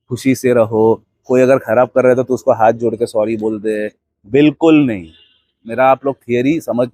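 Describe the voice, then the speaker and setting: A man delivering a forceful opinion monologue straight to his viewers, assertive and emphatic, often dropping English phrases into his talk. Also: medium pitch, dry recording, studio quality. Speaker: commentator giving his opinions on a case.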